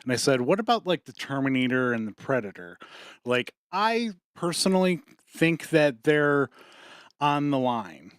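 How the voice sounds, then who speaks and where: A man co-hosting a podcast in casual chat, rambling and swearing often, with quick laughs between points. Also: medium pitch, sing-song, clean tone, no room sound, studio quality. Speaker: podcast co-host.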